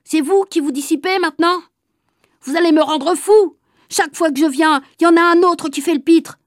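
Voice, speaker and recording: Woman doing a fed-up school supervisor guy, loud scolding, kinda high, dry close sound. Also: steady tone, a little fast, no room sound, close to an everyday voice. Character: stern grown man school supervisor, exasperated.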